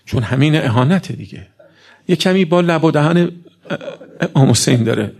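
Gravelly, husky-voiced man preaching. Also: lively intonation. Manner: swings between raised, emphatic lines and low, hushed asides. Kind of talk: sermon.

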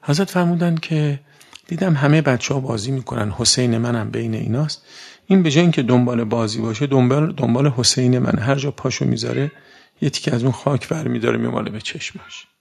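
Gravelly-voiced male preacher. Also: medium pitch, a little mellow. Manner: colloquial, asks the audience rhetorical questions. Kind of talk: conversational sermon.

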